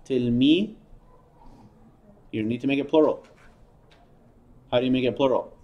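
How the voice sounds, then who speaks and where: Patient male teacher, dark mellow voice. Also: mid-range voice, measured pace, muffled recording. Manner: patient, corrects and praises often. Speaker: Arabic teacher. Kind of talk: classroom drilling and explaining.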